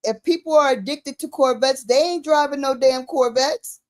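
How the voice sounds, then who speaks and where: A woman's voice: high voice, normal speed. A woman talking casually and emphatically, using slang and repeating phrases to drive her points home. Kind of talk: casual conversational commentary.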